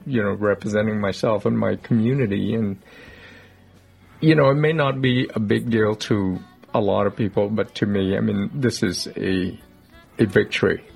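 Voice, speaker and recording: A man's voice: fairly low pitch, vocal fry, slightly rough. A middle-aged man from Cambodia, a guest author, answering radio interview questions earnestly and repeating words for emphasis. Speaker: guest, author and genocide survivor.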